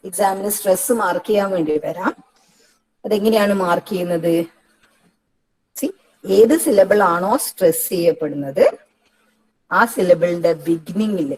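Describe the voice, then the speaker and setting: Her voice sits fairly low and sounds warm, though the recording quality is poor. She is a Malayali-accented English tutor from Kerala, India, coaching pronunciation for an exam in mixed Malayalam and English, going step by step and repeating important words.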